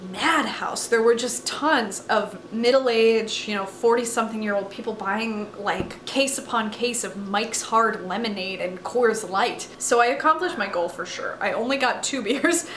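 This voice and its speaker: A woman's voice: fairly high pitch, measured pace, hardly any pauses, a bit bright. Young woman rambling casually in her living room, lots of like, bit of room echo and faint background hum. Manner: chatty and self-mocking, many "like" fillers. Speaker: vlogger. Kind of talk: casual vlog chat.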